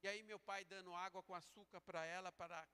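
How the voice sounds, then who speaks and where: A man preaching a sermon as a pastor, moving between slow emphatic calls and quieter storytelling. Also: sits high, steady tone, clear, resonant tone. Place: church sanctuary. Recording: church sanctuary with long reverb.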